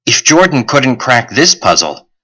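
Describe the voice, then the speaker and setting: A man narrating a young-adult novel audiobook in a steady, clear storytelling manner. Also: medium pitch, unhurried, rough recording. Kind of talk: scripted narration.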